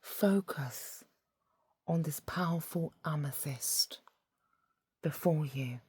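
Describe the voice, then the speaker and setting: A woman leading a guided meditation in a soft, half-whispered voice, soothing and deliberate, phrase by phrase. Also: low voice, a little hiss or hum.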